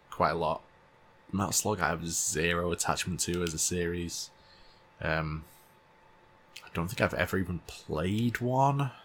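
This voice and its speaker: A man's voice: deep voice, a bit bright, a little hiss or hum. A man reacting to a game showcase in blunt, sardonic casual commentary. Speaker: streamer.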